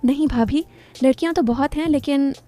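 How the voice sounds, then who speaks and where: A woman's voice: high-pitched, fairly quick, warm tone, faint music behind, natural voice. A woman doing a shy, hesitant young student.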